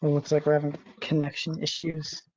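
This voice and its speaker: Flat, mellow-voiced cadet giving a lesson. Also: medium pitch, a little fast. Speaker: cadet flight sergeant. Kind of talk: online class lesson. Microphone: video call. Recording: muffled video call audio.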